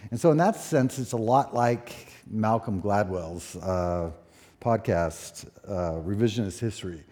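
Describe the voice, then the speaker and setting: A man in his sixties, a pastor preaching a sermon at a pulpit microphone, relaxed and conversational with many fillers. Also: fairly low pitch, a little slow. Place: church sanctuary. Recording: echoey church hall.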